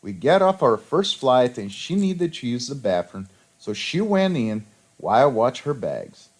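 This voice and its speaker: A man's voice: mid-range voice, very animated, measured pace. A man reading petty revenge stories aloud, with a sarcastic storytelling manner. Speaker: story narrator.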